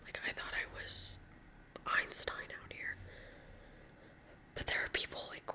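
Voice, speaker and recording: Doing her nails, a young Californian woman with a local accent whispers ASMR chit-chat that wanders and is packed with fillers. Her delivery is measured, with a bright, forceful tone.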